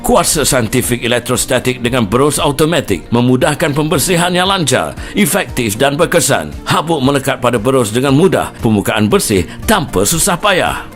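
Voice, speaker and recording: A man's voice: medium pitch, big pitch swings, normal speed, hardly any pauses, fairly bright tone, soft background music. A man with a Malaysian accent delivering an emphatic, promotional infomercial voice-over as a home-shopping announcer.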